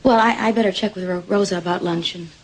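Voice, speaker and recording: An actress plays a worried, devoted woman of the household in a 1980s soap opera, speaking earnestly and solicitously with a caring, anxious mood. Her medium-pitched voice is quick and has a breathy edge. The recording quality is low.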